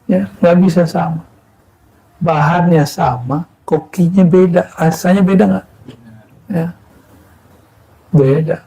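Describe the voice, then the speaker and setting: A man delivers a religious talk in an unhurried, conversational teaching style. His voice is mellow and warm, sitting a little high for a man. He poses questions to listeners and answers them himself. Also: steady tone, creaky, breathy edge, poor audio. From Indonesia. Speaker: preacher. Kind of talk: sufi sermon.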